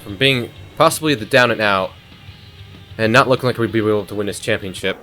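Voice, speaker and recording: A young man hosting a gaming channel, giving casual, chatty gameplay commentary that rambles with fillers and turns excitable. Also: lowish voice, a little fast, rough recording. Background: game music.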